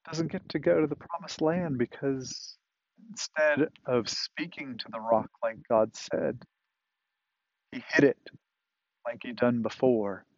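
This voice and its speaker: Male pastor, mid-pitched voice, loose conversational preaching with repeated phrases, dry close sound. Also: fairly even intonation, a little slow, no room sound, dull audio. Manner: conversational preaching with fillers and emphatic repetition. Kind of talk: sermon.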